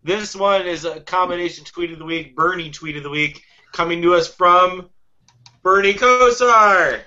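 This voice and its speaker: A man's voice: high voice, normal speed, pushed and bright, muffled recording. A man hosting a casual podcast chat, upbeat as he runs the segments. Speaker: podcast host.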